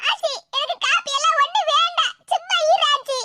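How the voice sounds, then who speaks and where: A woman's voice: very high voice, normal speed, pushed and bright, no room sound, clean studio sound, heavily acted. A woman voicing an upset young granddaughter who snaps curtly through tears, with a Tirunelveli Tamil accent. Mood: tearful. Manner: tearful, curt. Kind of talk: cartoon voice acting.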